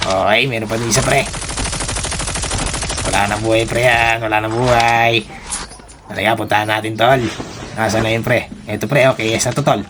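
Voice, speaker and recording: A man with a Filipino accent giving casual, playful commentary while streaming a mobile shooter game, teasing opponents and jumping higher in firefights. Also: fairly even intonation, normal speed, pauses often, noisy background. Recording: gunfire sound effects behind.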